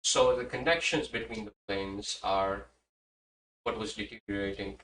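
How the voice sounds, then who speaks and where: A man playing in a tabletop game, summing up the story in a halting way with many pauses. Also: lowish voice, fairly bright tone. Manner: halting, full of "uh"s. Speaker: player. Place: room at a live-streamed game table. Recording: roomy sound, distant mic, faint hiss.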